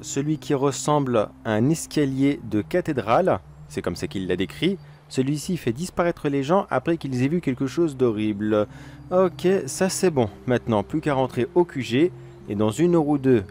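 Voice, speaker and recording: A man's voice: mid-range voice, darkish tone, slight background noise. A man telling an acted first-person horror story in a coaxing, wheedling voice that turns sinister.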